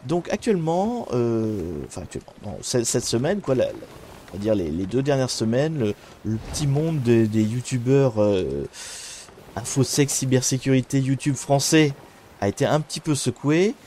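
Hesitant French-speaking male streamer, mellow tone. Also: mid-range voice, expressive, moderate pace, slight background noise. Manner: hesitant, many fillers and restarts; greets chat viewers by name. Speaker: streamer hosting a cybersecurity talk show. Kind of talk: casual live-stream chat while gaming.

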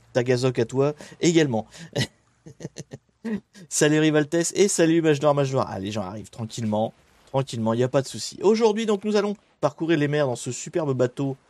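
A man's voice: mid-range voice, a little mellow, no room sound. A young man hosting a live stream in a casual, rambling way, chatting with his viewers while he plays a game, with many fillers and restarts. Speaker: streamer and host.

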